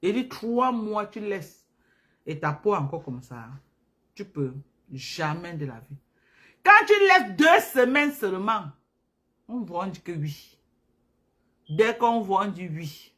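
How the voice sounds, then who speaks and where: A woman's voice: on the low side, a little slow, pauses often. A woman talking casually and emphatically to viewers on a phone live stream, repeating herself for emphasis. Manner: animated, repetitive, emphatic, addresses viewers directly.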